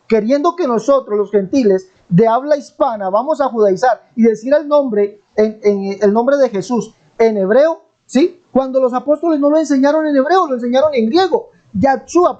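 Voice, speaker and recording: Insistent Colombian man, mellow lo-fi voice. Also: extremely high pitch. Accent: Colombian Spanish. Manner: insistent, repeats his question over and over; preachy, emphatic, drawn-out stresses. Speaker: Bible teacher debating a caller. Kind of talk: live online debate.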